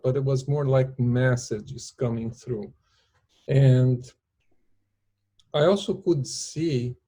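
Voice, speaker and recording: Slow Brazilian-accented man, mellow. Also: mid-range voice. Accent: Brazilian Portuguese. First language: Portuguese. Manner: slow, searching, hesitant phrasing. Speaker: podcast guest. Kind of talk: podcast interview.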